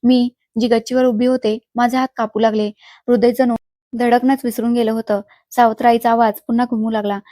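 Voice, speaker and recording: A woman narrating a first-person story at a steady, even pace. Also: on the high side, brisk, no room sound.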